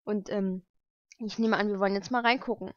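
A young woman opens mail-order books on camera in her lived-in home, keeping up a casual, thinking-aloud commentary. Her medium-pitched voice is steady and fairly quick, without echo, on a dull, lo-fi home recording.

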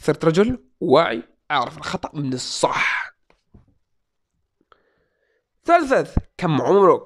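A man's voice: on the high side, big pitch swings, moderate pace. A man in his twenties in a small room, reading viewer questions aloud and answering them in a playful, joking way. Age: 20s. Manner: joking, playful, reads out comments. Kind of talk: casual Q&A vlog. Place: small indoor room at a desk.

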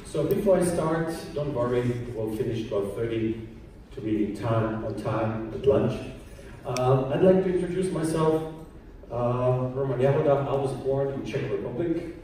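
A middle-aged man presents at a conference in a plain, explanatory way, pausing often on um and uh. His voice is mellow and rather dark. It is recorded from far off in a large hall with heavy echo. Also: medium pitch, a little hiss or hum. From Austria. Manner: plain, explanatory, with frequent um and uh pauses. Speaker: conference speaker. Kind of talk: presentation talk.

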